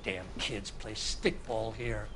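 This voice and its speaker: An actor playing a grumpy, nosy, bigoted old neighbor being questioned as a witness in a detective game. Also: male voice, fairly low pitch, steady tone, takes it slowly, crowd noise. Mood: grumbling. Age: older. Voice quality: gruff, cantankerous.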